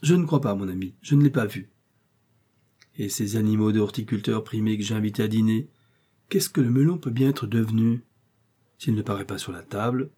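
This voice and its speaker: A man voicing a witty, ironic gentleman friend who teases in a light, mocking way. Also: fairly low pitch, brisk, breathy edge. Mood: teasing. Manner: teasing, ironic.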